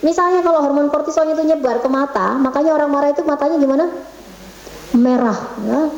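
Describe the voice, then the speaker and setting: At a women's study session held in a government office meeting room, a middle-aged woman delivers an interactive religious talk, chatty and quizzing her audience, with bits of Javanese. Her voice sits high with a darkish tone and a quick pace, captured in lo-fi, echoey sound.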